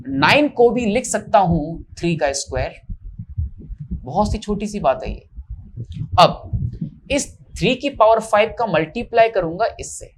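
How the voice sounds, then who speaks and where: A man's voice: high voice, a little hiss or hum. A man teaching maths step by step in a classroom lecture, posing questions and answering them himself. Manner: explains step by step, asks and answers his own questions.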